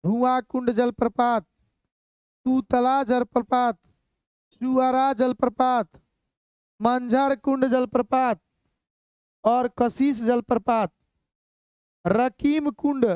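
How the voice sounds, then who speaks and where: Slow, high-voiced woman teacher. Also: fairly even intonation, darkish tone, clean tone, no room sound. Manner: drills terms by repeating them over and over. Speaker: exam coaching teacher. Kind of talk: slow repetitive exam-prep lesson with memory tricks.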